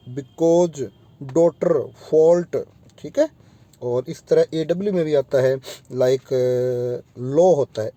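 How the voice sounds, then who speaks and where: Slow, dark-voiced male phonetics teacher. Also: a little high, no room sound. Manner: slow and deliberate, repeats words aloud for students; addresses students directly, often checks in with "ठीक है". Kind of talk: phonetics lesson.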